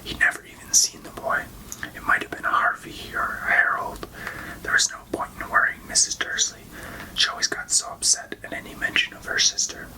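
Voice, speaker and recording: A whispered role-play in a hushed, breathy library whisper, with someone reading a storybook aloud in unhurried narration. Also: rough recording. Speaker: storybook reader.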